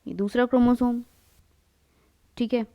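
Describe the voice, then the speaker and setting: Young female biology tutor with a warm, mellow voice, using a question-and-answer drill while drawing on the board. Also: a little high, fairly even intonation, measured pace. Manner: asks students questions and answers them herself; calls listeners "beta" and mixes English into the talk. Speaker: biology teacher. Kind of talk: classroom lecture while drawing.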